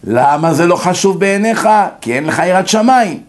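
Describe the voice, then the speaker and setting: A man giving a religious lecture, telling stories and acting out the dialogue with lively, questioning delivery. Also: high-pitched. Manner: animated storytelling, acting out dialogue. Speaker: rabbi lecturer.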